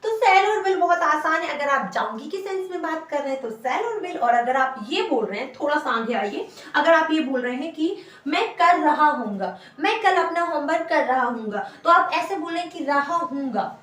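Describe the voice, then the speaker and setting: A woman's voice: high voice, lively intonation, normal speed, hardly any pauses, fairly bright tone, distant mic. A woman teaching an English grammar lesson, explaining patiently and repeating every example sentence. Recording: echoey room, voice from afar.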